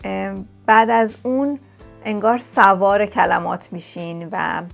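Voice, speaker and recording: A woman's voice: mid-range voice, steady tone, gravelly, faint music behind. A woman vlogger giving language-learning tips in a casual, chatty way, often repeating words for emphasis. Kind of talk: casual talk to camera. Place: lives in England.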